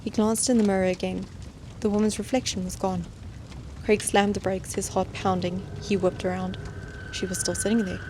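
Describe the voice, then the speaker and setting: Female horror narrator, scripted storytelling, suspenseful, measured, mid-pitched, little pitch movement. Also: level tone, noisy background. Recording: music bed behind the voice.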